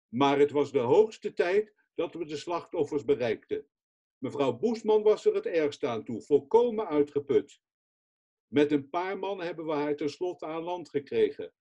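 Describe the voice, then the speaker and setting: A man's voice: fairly high pitch, husky, lo-fi sound. Man reading as a blunt old lifeguard. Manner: plain-spoken, calls out sharp commands. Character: sixty-year-old male lifeguard, blunt, proud. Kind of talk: read-aloud newspaper quote.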